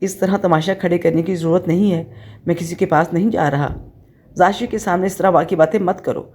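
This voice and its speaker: A stern husband in a storybook, cold and curt in his replies, as a woman reader gives him voice. The tone is low and mellow, read in a measured audiobook manner. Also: natural voice. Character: stern angry husband, man, middle-aged.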